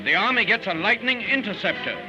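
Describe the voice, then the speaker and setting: A man narrating a 1940s newsreel in a brisk, punchy announcer style, with the sound of an old newsreel. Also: sits high, lively intonation. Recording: dull old newsreel recording with music. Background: loud music.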